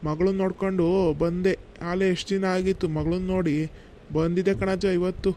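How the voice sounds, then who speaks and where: Guy doing a chatty village fella in a cartoon, high even voice, faint hiss. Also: fairly quick, close to an everyday voice. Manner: coaxing, scolding rural banter. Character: younger village man, caring and chatty.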